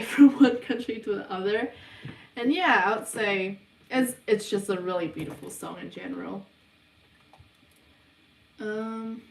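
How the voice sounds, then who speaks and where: A young woman from New hosts a casual livestream Q&A, reading viewers' questions aloud and answering in an unhurried, hesitant way with lots of ums. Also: medium pitch, distant mic. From New Zealand. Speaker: livestream host of a subliminal channel. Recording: roomy sound, voice away from the mic.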